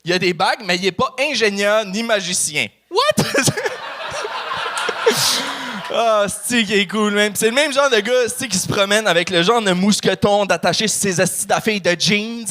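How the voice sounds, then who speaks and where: A man's voice: sits high, fairly quick, hardly any pauses, sharp tone, slight background noise. A man from New Brunswick doing a brash, swear-filled, self-mocking stand-up set on a comedy club stage.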